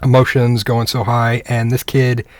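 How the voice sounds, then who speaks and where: A man's voice: medium pitch, completely flat delivery, unhurried, darkish tone, dry recording. Laid-back man telling a police story. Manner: laid-back, conversational, acts out the dialogue. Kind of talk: casual storytelling to camera.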